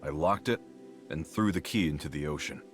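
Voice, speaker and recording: A man's voice: very deep voice, fairly quick, soft background music. An actor playing a stoic, loyal man in a game, grave and stubborn as he guards a guilty secret. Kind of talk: scripted game acting.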